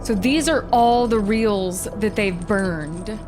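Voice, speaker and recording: A woman hosting a let's-play, thinking aloud with curiosity as she narrates her moves, sometimes dropping to a hush. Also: mid-range voice, slow pace. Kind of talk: casual gameplay commentary. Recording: faint game music behind.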